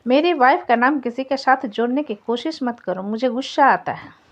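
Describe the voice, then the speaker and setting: A hot-tempered young husband who snaps at every provocation, read by a woman narrator. The voice stays fairly high and is dropped a little for him. The recording sounds dull and lo-fi. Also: normal speed. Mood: irritated. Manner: angry, snapping. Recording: slightly dull lo-fi audio.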